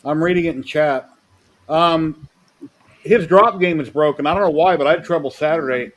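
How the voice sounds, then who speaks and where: A relaxed man co-hosting a livestream, with a voice a little higher than most men's. He reads out chat messages in an easygoing, casual way. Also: normal speed, rough recording. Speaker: co-host reading chat.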